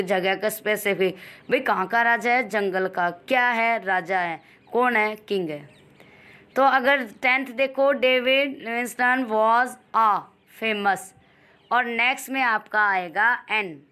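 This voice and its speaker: Slow-paced Indian woman teaching English. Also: a little high, a bit bright. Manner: drills the class with repeated questions, addresses students as beta. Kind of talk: explaining an English textbook exercise.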